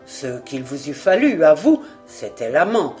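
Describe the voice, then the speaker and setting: A woman's voice: low-pitched, big pitch swings, a little slow, darkish tone, faint music behind, pitched below the performer's own voice. A woman voicing a vain, elegant man who speaks in a persuasive, caressing way in an audiobook. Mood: coaxing. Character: suave vain male seducer, adult.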